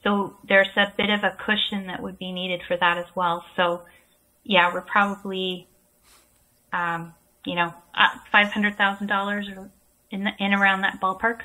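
A woman consultant at a town council meeting, explaining cost estimates in a measured way with fillers, heard over a remote call. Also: mid-range voice, level tone, pushed and bright, low-quality recording. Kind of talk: meeting discussion.

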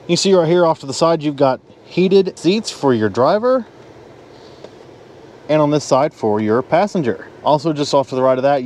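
A man's voice: medium pitch, darkish tone, slight background noise. A man giving a casual walkaround review of a pickup truck, talking in a folksy, conversational way as he points out features. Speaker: car reviewer. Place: in and around a pickup truck at a dealership.

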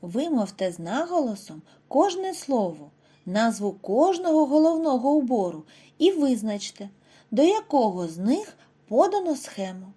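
A woman giving a scripted reading lesson to first graders, speaking clearly and stretching out example words slowly for the children. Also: high-pitched, big pitch swings, dark tone. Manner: slow, over-articulated model words for children. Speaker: primary school teacher.

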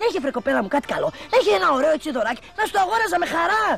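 A man's voice: very high voice, sing-song, creaky, fairly bright tone, soft background music. A man playing an exasperated husband on the beach who grumbles at a pushy vendor and at his wife, in a comedy sketch.

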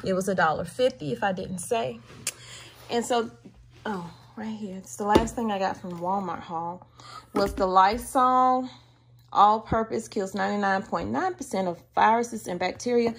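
A woman's voice: mid-range voice, slightly rough. A woman talks casually with her viewers from home. Her manner is homey and chatty, and she calls them y'all. The recording has the close, plain sound of a handheld camera indoors. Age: adult with a daughter. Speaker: vlogger showing a grocery haul. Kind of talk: casual chat.

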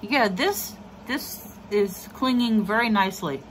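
A woman's voice: mid-range voice, slow. A woman reviewing a beauty product in a casual, chatty and self-mocking way while she talks through a sheet face mask. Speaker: beauty vlogger. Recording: faint air conditioner hum. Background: air conditioner hum.

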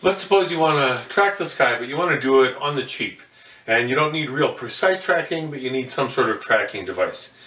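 Here the older man sounds expressive, brisk and sharp in a mid-range voice while demonstrating telescope mounts hands-on. Fillers and self-corrections run through his folksy talk; the setting is an indoor room with a curtain behind him, captured with roomy, slightly distant audio.

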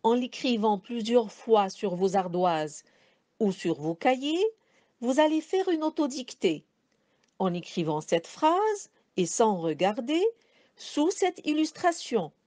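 A woman teacher speaks in a fairly high, very animated voice, taking each word apart slowly into syllables and letters for young children. Her tone toward the pupils is gentle and encouraging, and her voice sounds close and dry, with almost no room around it. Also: dry recording. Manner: slow, careful syllable-by-syllable spelling aloud. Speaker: primary school teacher. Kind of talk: distance-learning spelling lesson.

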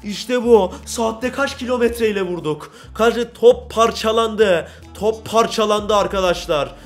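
A young man commentating his own football video game match, excitable and often frustrated, yelling at goals and misses. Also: high-pitched, measured pace, soft background music. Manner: excitable, yells at goals and mistakes. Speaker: gaming YouTuber. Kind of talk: gameplay commentary.

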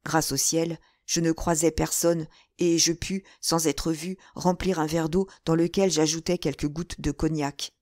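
Female audiobook reader; low-pitched, measured, steady narration, close and dry. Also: no echo. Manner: measured, even storytelling.

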